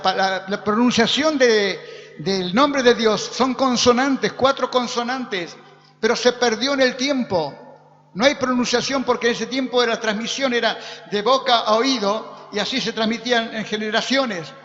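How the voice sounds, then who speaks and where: High-voiced preaching pastor in echoey hall. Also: male voice, a bit bright, dull audio. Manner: preaching with rising emphatic repetition. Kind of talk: sermon.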